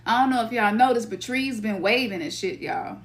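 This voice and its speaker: Her voice sits on the high side and moves briskly. She's a middle-aged spiritual teacher from Memphis, Tennessee, with a Memphis Southern accent, chatting casually with listeners in a loose, slangy way and occasionally performing her inner voice.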